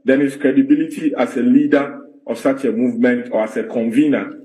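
A man with a Ghanaian accent giving legal analysis in an interview, formal and measured, with hesitant phrasing. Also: mid-range voice, warm tone. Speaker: legal commentator. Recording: roomy, echoing interview audio.

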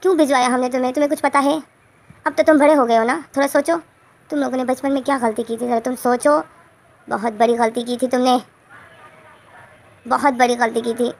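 An angry mother scolds her grown son again and again, read out by a woman. Her voice is gravelly and fairly high. The tone stays flat and scolding. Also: brisk, pauses often. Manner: scolding, repeats herself.

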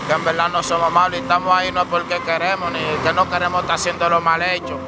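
A man's voice: sits high, monotone, quick pace, heavy background noise. A man who works as a windshield washer, pleading earnestly in a street interview outdoors.

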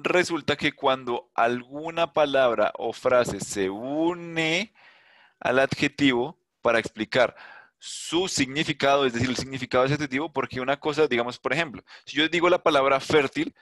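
A man's voice: mid-range voice, normal speed, a bit bright, no room sound. A man teaching an English grammar lesson in an online class, patient and repetitive, often asking rhetorical questions. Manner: patient, repeats himself, asks rhetorical questions.

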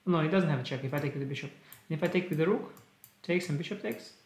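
Fast-talking and fairly high-pitched, a young chess streamer with Russian-accented English thinks out loud in short, clipped phrases during casual live-stream chat over puzzles. He's recording in a small room indoors, and the sound is roomy.

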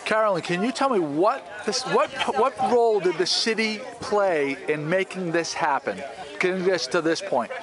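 A man's voice: high-pitched, moderate pace, crowd noise. A man interviewing people outdoors, asking questions with frequent stumbles and restarts. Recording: outdoor noise and voices.

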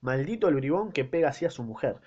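A man's voice: a little high, expressive, quick pace, darkish tone, highs cut off. A man reading the lines of a meddling male neighbor in a scandalized, moralizing tone. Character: meddling male neighbor, self-righteous then meek.

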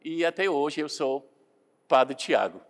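A missionary priest born in Ireland gives calm, anecdotal interview answers in Portuguese, his second language. His male voice is fairly high in pitch and slow.

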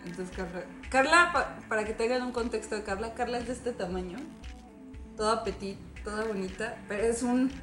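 High-voiced Mexican woman telling a story. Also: moderate pace, roomy sound, over music. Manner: animated, slangy, acts out quotes. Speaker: guest. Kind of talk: casual storytelling among friends.

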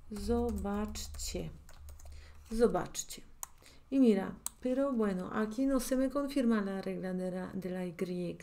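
Slow, mellow-voiced Polish woman teaching grammar. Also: a little high. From Poland. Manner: slow, musing, repeats words while checking them. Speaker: language teacher. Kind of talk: thinking-aloud lesson preparation.

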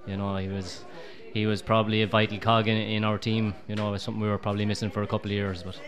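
With a crowd audible behind him in a busy pub, a middle-aged former goalkeeper from Ireland talks in a fairly low, flat voice. He's quick and easygoing, saying "you know" again and again.

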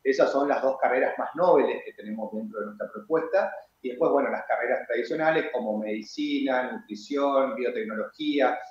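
A man, a university rector explaining things in a measured way, with many hesitation fillers, on a TV interview over a video call from his office. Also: mid-range voice. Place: office with flags and bookshelf. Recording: roomy, dull video-call audio.

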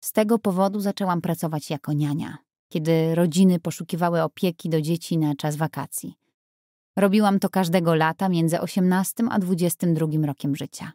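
A woman reading a first-person audiobook in a measured, even way on a close studio mic. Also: fairly low pitch, dry recording. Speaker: audiobook narrator.

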